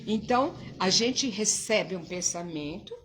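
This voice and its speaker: A woman's voice: medium pitch, expressive, a little slow, fairly bright tone, slight background noise. A woman giving an informal religious lecture at a spiritist center, talking conversationally, asking rhetorical questions and acting out quoted thoughts.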